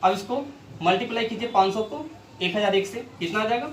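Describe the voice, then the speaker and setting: A man's voice: high voice, a little fast. A man teaching a maths lesson, asking questions and answering them himself as he works problems on a board. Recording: echoey room, mic far off, faint noise.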